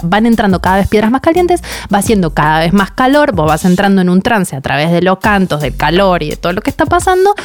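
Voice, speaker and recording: A woman, telling a personal story in a casual, animated way and laughing often as she talks. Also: mid-range voice.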